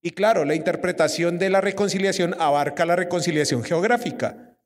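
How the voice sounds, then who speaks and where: A young man with a Colombian accent preaching a sermon, lively and keeps putting questions to his listeners. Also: sits high, a little fast. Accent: Colombian Spanish. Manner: lively, asks the audience questions. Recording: long hall reverb.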